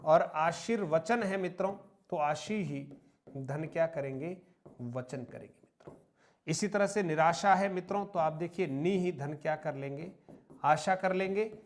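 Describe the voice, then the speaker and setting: A man teaching a Hindi grammar lesson, slowly dictating example words, repeating them, asking questions and answering them himself. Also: on the high side. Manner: slow, repetitive dictation of example words, often addressing "मित्रों". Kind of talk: online exam-prep grammar lesson.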